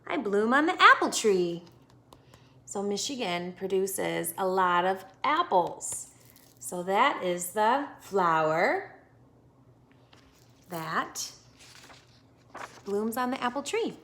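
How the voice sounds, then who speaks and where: Pausing to ask her young audience questions, the American teacher reads a picture book aloud with expressive, instructive energy. She speaks at a medium pitch.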